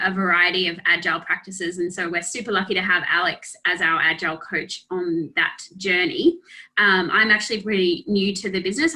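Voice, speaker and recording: A woman's voice: lowish voice, sharp tone, low-quality recording. A young adult woman speaking at a meetup, explaining her work role and career, with frequent ums. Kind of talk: presentation at an online meetup.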